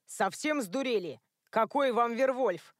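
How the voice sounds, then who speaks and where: Woman doing a gruff, protective manservant. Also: a little high, expressive, a little slow, no echo, clean studio sound. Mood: angry. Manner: urgent, barking commands. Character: loyal male servant, gruff and protective.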